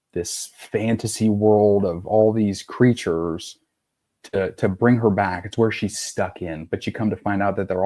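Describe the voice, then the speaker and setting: A middle-aged podcast host chats casually, rambling loosely and swearing freely. His voice is low with a dark tone, and the recording is dry.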